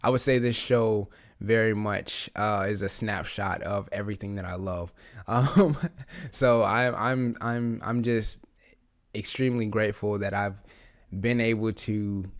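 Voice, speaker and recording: Here the flu-recovering reaction host speaks low, steady, and a little slow, his voice rough and raspy. He rambles through a TV episode like an excited fan, restarting often and leaning on fillers.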